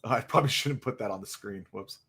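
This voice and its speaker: A man's voice: lowish voice, a little fast, sharp tone, breathy edge. A young man hosting a casual hockey livestream, chatty and rambling with lots of fillers, tired and yawning from little sleep. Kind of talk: casual live stream chat.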